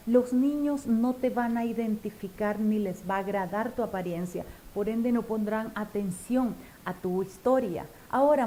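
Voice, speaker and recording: A woman teaching church teachers how to tell children's stories, talking to the listener directly and with expressive tone. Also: mid-range voice. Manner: warm, expressive, addresses listener directly as friend. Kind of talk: instructional talk.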